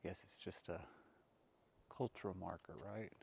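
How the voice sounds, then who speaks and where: A man's voice: low-pitched, steady tone, normal speed, gravelly, darkish tone, a little hiss or hum. A man chatting casually while filming his hike outdoors in a desert canyon on a handheld camera, a bit winded from climbing. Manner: chatty, wandering, folksy. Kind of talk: casual vlog narration.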